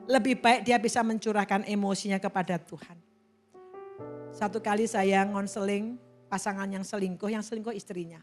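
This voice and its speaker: A woman pastor preaching a sermon in a church, lively and expressive, now and then acting out quoted voices. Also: medium pitch.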